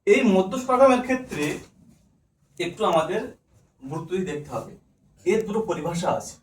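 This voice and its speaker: A man's voice: high-pitched, animated, a little fast. A man with a Bengali accent giving a demonstration lesson, asking questions and answering them himself. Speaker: teacher candidate giving a demo lesson. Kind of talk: classroom teaching demonstration. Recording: echoey room, far mic, faint noise.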